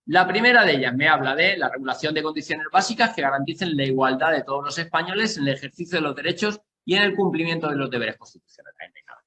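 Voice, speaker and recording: Speaking in a fairly high voice that's pushed and bright, a man from Castilla-La Mancha, Spain, teaches an exam-prep class. There's slight background noise. His manner is explanatory: he keeps checking in with students and slows on the key points.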